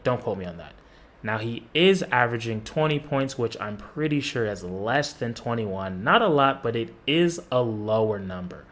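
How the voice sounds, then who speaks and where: A man's voice: mid-range voice, animated, moderate pace, fairly bright tone. Sarcastic, foul-mouthed man trash-talking. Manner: sarcastic, profane trash talk. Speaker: basketball reaction YouTuber. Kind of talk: reaction commentary.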